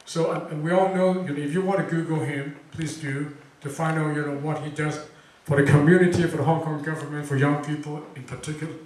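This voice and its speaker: An event host introduces a speaker, chatting casually, quizzing the audience and using lots of fillers. His voice is fairly high, steady in tone, brisk and a little mellow. The recording comes from far off in a very echoey room, with slight background noise.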